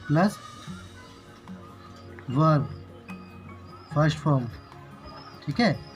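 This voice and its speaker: Slow-speaking male English teacher. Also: on the high side. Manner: slow, repeats "ठीक है" after each example. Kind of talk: grammar lesson explained in Hindi.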